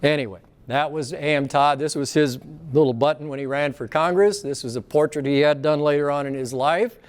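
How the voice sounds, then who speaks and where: A man's voice: fairly high pitch, fairly quick. A man giving a live local history talk with slides, conversational and asking the audience questions.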